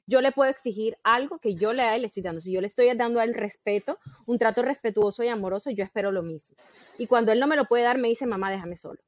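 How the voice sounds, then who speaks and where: A woman in her thirties talks as a podcast guest, earnest and explanatory as she works through long stories. Her voice sits fairly high. The recording is dull and very dry. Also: quick pace, no room sound. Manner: earnest, explanatory, tells anecdotes at length. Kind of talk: casual podcast conversation.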